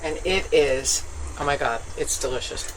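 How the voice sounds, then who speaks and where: A woman co-hosting a sailing vlog, chatting and narrating outdoors with lively enthusiasm. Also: deep voice, normal speed, background noise. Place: outdoors on a boat and beach.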